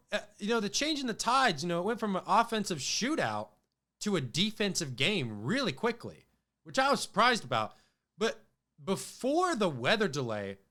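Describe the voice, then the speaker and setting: High-pitched, bright and forceful, this male podcast host talks sports in a loose style, often restarting and using fillers. A cold leaves his voice a bit off.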